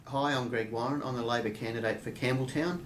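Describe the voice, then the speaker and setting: Australian man, political candidate, thoughtful, lots of ums, faint background rumble. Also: steady tone, fast, rough recording. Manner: thoughtful, hesitant with many fillers. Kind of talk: casual spoken interview answer.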